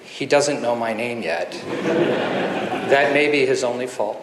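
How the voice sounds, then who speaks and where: A man's voice: mid-range voice, unhurried, very noisy, close to an everyday voice. A man voicing a confident young medical student who proclaims his ambitions with pride. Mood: proud. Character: confident, visionary young male med student. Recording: echoey hall.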